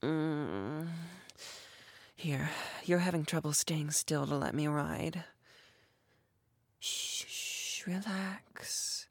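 A woman plays a dominant non-human creature with a tail, teasing and commanding in an intimate audio roleplay. She speaks low and slow, with a gravelly, breathy texture and frequent close whispers. The recording is dry, with no room sound. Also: no echo, exaggerated voice. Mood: sultry. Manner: sultry, commanding, often whispered. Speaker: voice actor.

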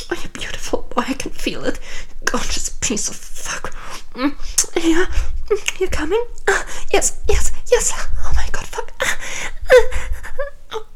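A woman playing a seductive, commanding queen in an intimate audio roleplay, talking in a breathy, whispery, teasing way. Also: lowish voice, lively intonation, takes it slowly, long pauses, a little mellow, slight background noise. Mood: heated.

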